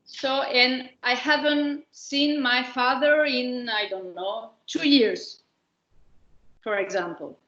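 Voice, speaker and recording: A woman with a Greek accent leading a webinar activity, asking slow guiding questions. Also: sits high, pushed and bright. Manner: slow, questioning, speaks as a child role in first person. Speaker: workshop presenter. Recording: roomy lo-fi online call audio.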